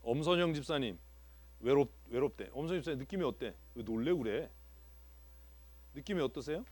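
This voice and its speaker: A man's voice: mid-range voice, lively intonation, a little fast, a little mellow, no room sound. A man, a pastor, teaching a Bible text to his congregation and asking its members what they feel about it. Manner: asks the congregation questions and repeats answers. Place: church sanctuary.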